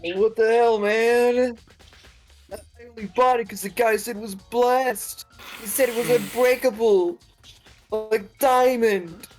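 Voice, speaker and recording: A woman's voice: a little high, fairly even intonation, slow, darkish tone, faint music behind. Woman doing a drawling stoner surfer dude. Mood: dismayed. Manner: drawling, peppered with bro and dude. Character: laid-back stoner surfer dude, young man.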